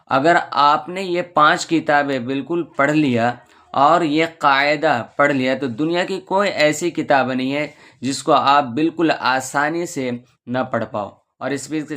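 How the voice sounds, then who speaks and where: A man, a madrasa teacher, giving a patient beginner's lesson and reciting the alphabet slowly, letter by letter. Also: on the high side, bright, forceful tone.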